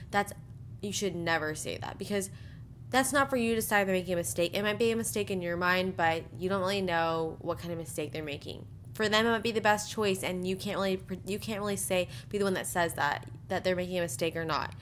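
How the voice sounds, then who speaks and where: A young woman chatting casually as a podcast co-host, blunt and giggly, her words running on with lots of fillers. Her pitch sits in a middle range for a woman. A faint low rumble hums under the recording. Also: a bit bright. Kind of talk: casual chat about a reality dating show.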